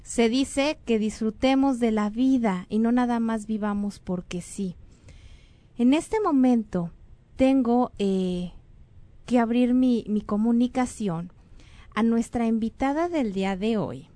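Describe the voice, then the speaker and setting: This radio or online show host is a Mexican woman with a slightly high, warm voice and a slow pace, recorded without echo. She talks earnestly through casual show announcements and a guest introduction, rambling and correcting herself amid fillers.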